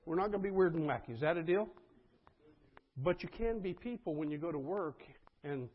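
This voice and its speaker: A man's voice: on the high side, expressive, fairly quick, husky, narrow, tinny audio. A man preaching a sermon as pastor, earnest and conversational, often turning to the congregation with asides.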